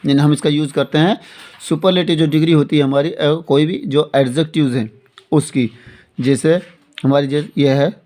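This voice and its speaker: A man teaching English grammar in Hindi, explaining slowly, repeating his points and often checking that students follow. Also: a little high, fairly even intonation, a little mellow. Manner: slow and repetitive, often asking "theek hai na". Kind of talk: classroom-style lesson explaining in Hindi with English examples.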